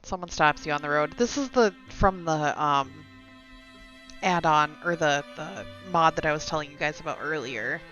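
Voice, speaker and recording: At a moderate pace, a woman with a low-sitting, fairly bright voice reads a game's story to her live-stream viewers, with occasional stumbles and chatty asides. The recording sounds dull and lo-fi, with game music behind.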